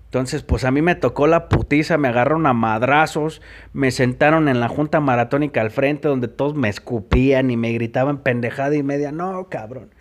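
A man's voice: medium pitch, moderate pace. A man with a Mexican accent giving a personal testimony in an interview, telling his story in an emphatic, profane way.

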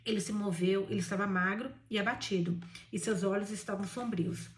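A woman's voice: medium pitch, fairly even intonation, brisk, roomy sound, distant mic. A woman with a Brazilian accent reading a novel aloud for a book club, breaking off into gushing asides to her listeners. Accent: Brazilian Portuguese.

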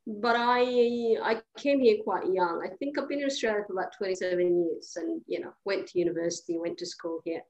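A woman's voice: medium pitch, brisk, hardly any pauses, a little mellow, dull audio. A woman in her thirties from Eritrea, a guest on a podcast interview, talking at home with frequent restarts and easy laughter. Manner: hesitant, many restarts and fillers, laughs easily. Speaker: guest, cleaning business founder. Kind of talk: podcast interview, casual conversation. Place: at home during lockdown.

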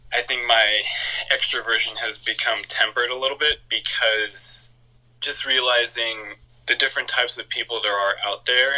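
A man who is a podcast guest, speaking in a relaxed, outgoing way with some hesitant fillers. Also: on the low side, rough recording. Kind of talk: conversational interview.

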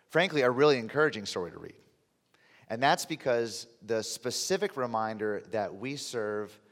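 A man preaching a conversational sermon in a deep, under-the-weather voice, with halting, emphatic phrasing. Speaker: pastor. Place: large reverberant room, preaching to a congregation. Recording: reverberant hall sound.

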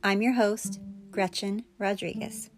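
A woman's voice: mid-range voice, fairly even intonation, unhurried, loud music behind the voice. A woman podcast host speaking close and intimately, right up at the mic, in an earnest, encouraging devotional style. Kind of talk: devotional podcast talk and reading.

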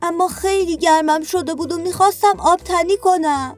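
Tiny squeaky kid voice, sweet trusting boy, way up high, storybook. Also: soft background music. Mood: childlike. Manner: high squeaky child voice put on. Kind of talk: storybook voice acting.

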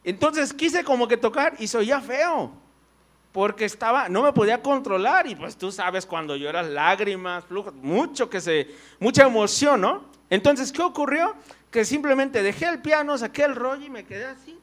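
A man's voice: extremely high pitch, lively intonation, normal speed, fairly bright tone. A man preaching a conversational sermon in church. He tells personal stories, full of fillers and "right?" tags.

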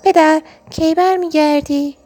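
A woman voicing a curious young daughter in a children's audiobook, with a high, eager questioning voice. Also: steady tone, warm tone, faint music behind, lightly acted.

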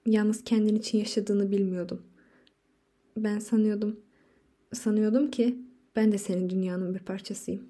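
Defiant wife in a read-aloud story, insistent and urgent, woman reading, dark warm tone. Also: mid-range voice, steady tone, moderate pace, pauses often, close to an everyday voice. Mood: hurt. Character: adult wife, fierce, defiant, tearful.

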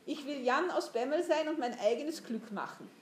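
An anxious, earnest teenage boy pleads his case in a storybook reading, as a woman acts him out. The voice sits a little high and moves around a lot. It comes through with a roomy echo. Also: expressive, moderate pace, darkish tone, slight background noise. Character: eager anxious teenage boy, small and poor.

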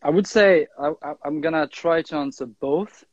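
A man's voice: on the high side, moderate pace, no echo, muffled recording. A young man from Switzerland, chatting casually as an interview guest, full of fillers and restarts. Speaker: guest, freerunner and kendama player.

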